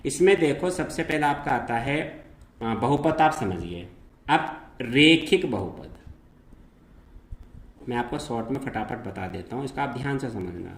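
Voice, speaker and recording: A man's voice: medium pitch, animated, measured pace, pauses often, reverberant. A man teaching a math lesson to school students. He explains step by step and keeps checking that they follow.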